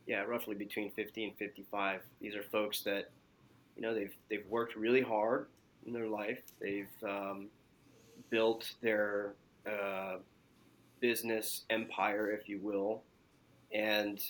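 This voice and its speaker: Low-voiced doctor explaining calmly. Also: male voice. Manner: measured, explanatory, frequent fillers. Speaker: physician guest. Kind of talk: interview answers.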